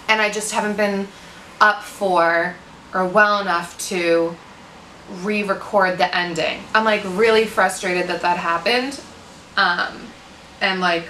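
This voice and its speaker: A young American woman chatting casually as a book vlogger, with informal, animated asides. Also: medium pitch. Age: young adult. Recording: roomy, distant mic, faint noise.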